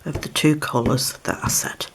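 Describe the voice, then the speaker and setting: There's slight background noise as a woman with a rumbling low voice talks at a normal speed through a step-by-step craft demonstration at her table. Relaxed and chatty, she explains while working, coughing occasionally from a slight cold. An overhead camera shows her hands.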